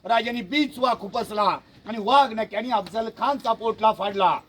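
A man's voice: sits high, normal speed, a bit bright, slight background noise. A man guiding a school group around a hill fort outdoors, telling history dramatically, repeating words for effect and asking the crowd questions. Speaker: fort tour guide.

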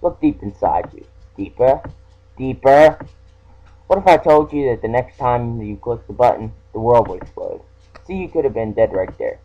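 A man's voice: mid-range voice, animated, brisk. A man casually playing a game and reading its text aloud in a playful, teasing way. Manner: playful, teasing read-aloud with mock-sinister touches. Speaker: let's play gamer. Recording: dull lo-fi home recording.

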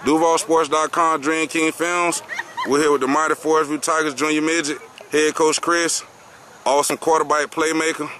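A man's voice: fairly high pitch, level tone, normal speed, fairly bright tone, a little hiss or hum. A man interviewing a football coach and players outdoors, formal and saying "yes, sir" after each answer. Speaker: sports interviewer. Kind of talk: postgame interview questions. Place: outdoor football field at night.

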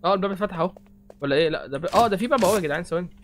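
A man's voice: high voice, expressive, racing, soft background music. A young Egyptian man hosting a horror game playthrough, rambling and joking nervously. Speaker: gaming host.

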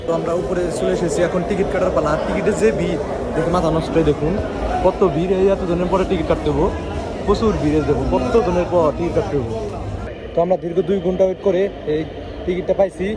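A young man from Bangladesh rattles off a walking vlog in a slightly high voice, chatty and self-deprecating as he talks straight to his viewers. He is recorded on a phone outdoors, with loud city traffic noise all around. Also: fairly even intonation, fast talker, over a noisy crowd. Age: young adult. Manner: chatty, self-mocking, addresses viewers as guys. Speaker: vlogger. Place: outdoors on busy city streets and campus.

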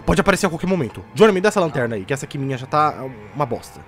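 Frightened, rude young ghost hunter, voiced by a man; slightly high, very lively pitch. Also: racing, faint music behind. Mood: tense. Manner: frightened, bossy, insulting. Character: jumpy, rude young male paranormal investigator. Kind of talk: fan machinima voice acting.

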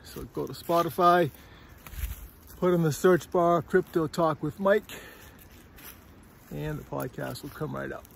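A little slow and touched with vocal fry, this middle-aged man's voice sits on the high side. He's vlogging a walk on a windy forest trail, phone at arm's length, slightly winded and chatty, rambling along and asking "all right?" again and again.

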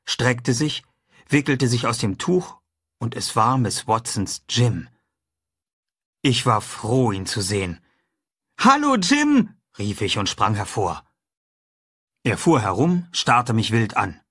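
A man narrating a first-person audiobook in a steady storytelling manner. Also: medium pitch, husky, no room sound, studio quality.

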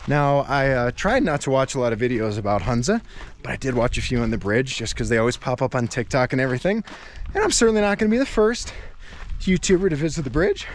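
Walking a rocky path by a river, this thirtysomething travel vlogger chats quickly and cheerfully into a handheld camera at arm's length, cracking jokes with lively intonation in a medium pitch. The casual recording carries a little hiss or hum.

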